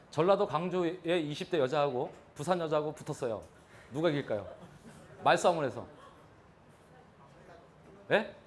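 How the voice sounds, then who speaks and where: Fast, animated male lecturer. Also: a little high, slight background noise. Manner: animated, poses questions to the audience. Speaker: real estate lecturer. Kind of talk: live classroom lecture.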